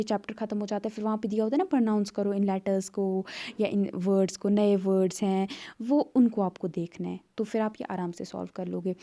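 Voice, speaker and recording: A woman's voice: medium pitch, mellow. A woman tutor walks through an exam paper in a conversational way, explaining step by step with many fillers.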